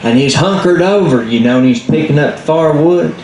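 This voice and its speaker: A man's voice: a little high, a little mellow. Folksy Southern Appalachian man, echoey recording. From southern Appalachia, United States. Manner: folksy, unscripted, dramatic pauses. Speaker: storyteller. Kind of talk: casual oral folk storytelling. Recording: echoey room with background noise.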